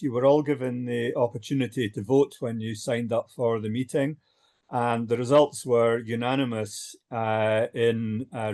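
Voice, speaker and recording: A man's voice: medium pitch, a little mellow. An older man chairing an online meeting, hesitant with many fillers.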